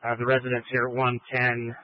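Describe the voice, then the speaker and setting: A man's voice: mid-range voice, monotone, fairly quick, no echo. A man, an emergency responder on scene, gives clipped procedural updates over a police radio. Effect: police radio transmission. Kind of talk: radio traffic report. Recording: tinny narrowband radio.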